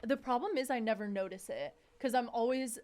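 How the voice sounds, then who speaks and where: Young woman co-host, slightly high voice, blunt and foul-mouthed, tells stories with lots of energy. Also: fairly quick. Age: 20s. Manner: blunt, profane, animated storytelling. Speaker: podcast co-host. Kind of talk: casual chat.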